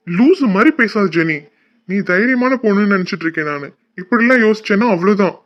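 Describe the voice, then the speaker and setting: A man's voice: high voice, expressive, fast talker. A man voicing a caring older brother in a cartoon, coaxing and reassuring his sister. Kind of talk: cartoon voice acting. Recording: dull lo-fi audio.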